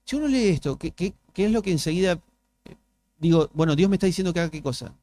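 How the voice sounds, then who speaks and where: A man's voice: high-pitched, expressive, fast, mellow, slight background noise. A male pastor with a Rioplatense Spanish accent, preaching a sermon in a conversational way and often asking the congregation rhetorical questions. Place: church.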